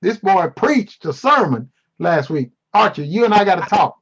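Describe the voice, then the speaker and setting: A man's voice: high-pitched, big pitch swings, moderate pace, fairly bright tone, breathy edge, highs cut off. A man teaching a casual online Bible class over a video call, playful and teasing as he answers the chat.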